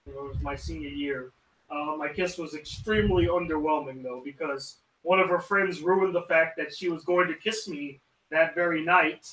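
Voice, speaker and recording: Young male streamer, high tenor, animated ranting host. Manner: animated, ranting, quick asides. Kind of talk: casual live-stream chat.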